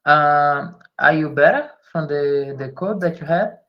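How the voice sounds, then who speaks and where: Over an online video call with dull lo-fi audio, a man learning English chats casually in a language lesson. His voice is fairly high and unhurried, and he speaks hesitantly, laughing softly quite often. English is not his first language.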